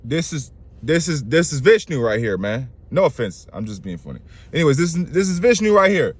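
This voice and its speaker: A man's voice: on the high side, sing-song, brisk, slightly rough. A man voicing a suspicious, scheming guru who needles the king in street slang. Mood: alarmed.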